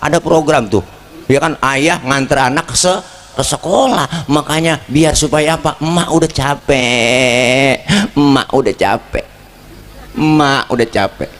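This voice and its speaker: With a mid-range voice and a bit of background noise, a male preacher gives a comedic sermon, joking and lively as he addresses the crowd directly.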